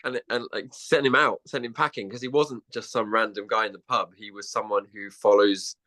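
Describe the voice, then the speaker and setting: A man, a podcast guest chatting and telling stories in an animated way, often restarting sentences. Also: lowish voice, brisk. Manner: animated storytelling with many restarts. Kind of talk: casual chat.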